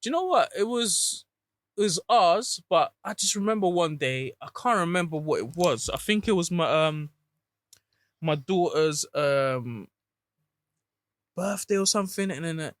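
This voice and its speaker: A man in his thirties chats casually in a London roadman accent. His voice sits a little high and is bright and forward, recorded close and dry. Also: expressive, measured pace, no echo. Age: 30s. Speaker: interview guest. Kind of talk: casual chat.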